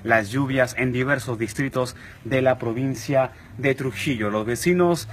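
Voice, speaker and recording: A man in his thirties from Peru reporting live for a news broadcast outdoors on a dusty hillside with a handheld mic, in a formal, steady delivery. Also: mid-range voice, a little slow. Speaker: field reporter. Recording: outdoor ambience noise.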